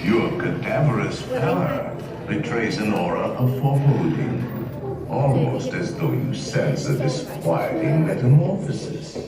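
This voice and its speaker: An actor playing a theatrical, villainous ghost host who narrates a haunted mansion attraction with slow menace and ominous formal courtesy. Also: male voice, mid-range voice, very animated, a loud crowd. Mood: ominous, courtly. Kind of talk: scripted theme park attraction narration. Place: played over speakers in an indoor attraction room. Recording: echoing hall, distant speakers, some noise.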